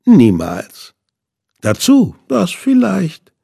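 A sneering, cold-blooded male captor who taunts his victim in a raised, strained tone, as a man reading a thriller puts him on. His voice is husky, and every word drips with slow mockery. The sound is dry and close, a storybook villain read aloud. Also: high voice, wildly swooping pitch, dark tone, no room sound, voice pushed up, full character voice. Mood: taunting. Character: mocking, menacing male knife-wielding captor.

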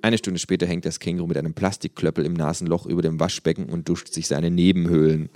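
A man narrating an audiobook in the first person, quietly and drily. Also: low-pitched, flat delivery, quick pace, dry recording. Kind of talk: audiobook reading.

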